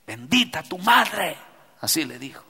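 Male pastor, fervent sermon, bright voice, slow deliberate delivery, long reverb of a hall. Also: a little high, very animated, husky. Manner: impassioned preaching, swinging from loud cries to hushed prayer.

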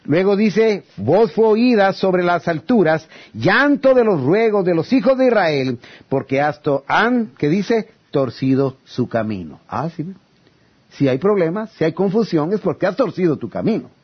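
A man preaching a sermon, addressing the congregation as brothers and reading scripture aloud, swinging between loud pleading and low hushed asides. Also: big pitch swings, measured pace, husky, lo-fi sound.

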